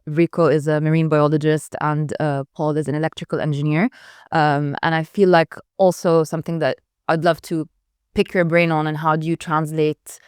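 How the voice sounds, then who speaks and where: A woman's voice: sits low, little pitch movement, normal speed, darkish tone, clear, resonant tone, no room sound, studio quality. A young woman moderating a panel, asking questions in a chatty, filler-heavy way.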